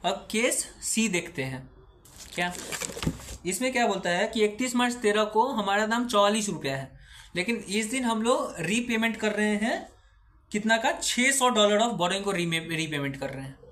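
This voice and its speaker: A man's voice: high-pitched, lively intonation, normal speed, a bit bright, slight background noise. A man giving a recorded accounting lecture who patiently asks questions and answers them himself, mixing English terms into his speech.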